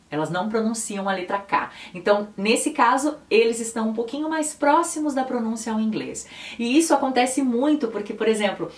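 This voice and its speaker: A young woman with a São Paulo Brazilian accent, chatting casually as she explains pronunciations in a lesson. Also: on the high side. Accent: São Paulo Brazilian Portuguese. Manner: chatty, patiently spelling out pronunciations. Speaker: Spanish teacher and video host. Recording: roomy echo, mic a bit distant.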